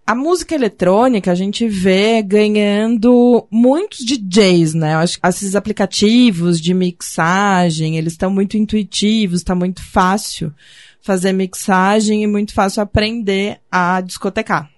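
A woman's voice: medium pitch, unhurried. A Brazilian woman hosting a podcast, asking her guest questions in a casual, conversational way. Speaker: podcast host interviewing a guest.

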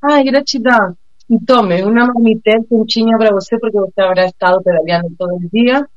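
A woman telling a personal story in a casual, expressive way, acting out the people she quotes. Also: fairly high pitch, a little fast, dry recording. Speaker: guest telling of a bicycle trip. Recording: muffled lo-fi dry sound.

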